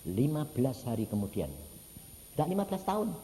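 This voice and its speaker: Animated preacher in an echoing hall. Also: male voice, mid-range voice, fairly quick, a little hiss or hum. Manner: animated, acts out voices in his stories, swings from loud to soft. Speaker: evangelist preacher. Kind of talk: sermon with storytelling. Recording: church hall reverb, faint ambience.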